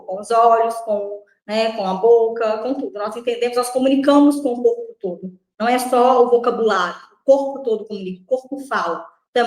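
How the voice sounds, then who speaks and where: Fast-talking Brazilian trainer, echoey room. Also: female voice, fairly high pitch, a little mellow. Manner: measured, list-like explanations, frequent "né". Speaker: corporate trainer guest. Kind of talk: interview answers.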